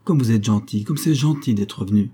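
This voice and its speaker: A man's voice: lowish voice, brisk, mellow, breathy edge. A man voicing an anxious young woman whose husband is dying, in a pleading, earnest tone. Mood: urgent.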